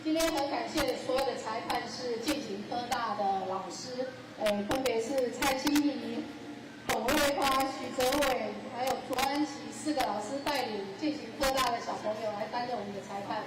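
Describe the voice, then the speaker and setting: A woman's voice: on the high side, normal speed. A woman with a Taiwanese Mandarin accent, announcing speakers as master of ceremonies. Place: crowded sports venue at opening ceremony. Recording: very echoey hall, loud noise, crowd, distant.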